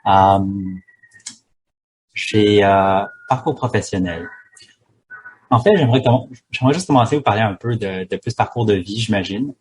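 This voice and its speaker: A man's voice: fairly low pitch, moderate pace, pauses often, husky. A man, a pharmacist guest speaking in a hesitant way with many fillers and restarts. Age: 30s. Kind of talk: casual interview talk.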